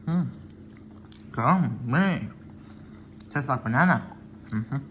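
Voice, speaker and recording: There is clear noise on this amateur recording of a man with a medium-pitched voice. He chats casually as the host of a tasting video. His remarks come in short, repetitive mutters between bites. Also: expressive, slow pace, fairly bright tone, highs cut off. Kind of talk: casual mukbang chat with food reactions.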